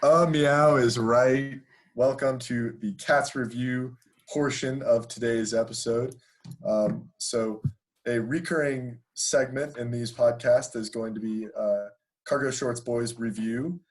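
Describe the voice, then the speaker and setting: A man's voice: mid-range voice, steady tone, slow pace. A man hosting a casual podcast, joking around with friends and rambling through lots of filler words. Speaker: podcast host.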